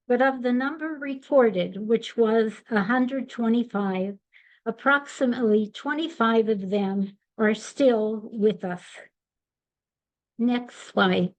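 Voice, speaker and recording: Older female presenter, unhurried and deliberate, fairly high register. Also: darkish tone, dull audio. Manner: measured and deliberate. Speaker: webinar presenter. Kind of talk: slide presentation.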